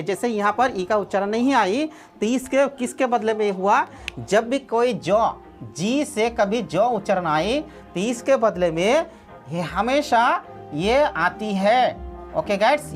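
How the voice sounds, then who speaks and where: A woman teaching a class of online students, repeating key words and asking the students questions. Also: mid-range voice. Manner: repetitive, asks rhetorical questions.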